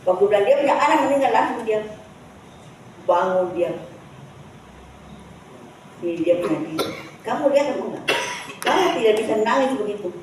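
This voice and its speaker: A woman gives a personal testimony at a church service, speaking in a halting, repetitive way, recorded from a distance. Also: on the high side, a little mellow. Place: church hall. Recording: echoey church hall from far off, faint noise.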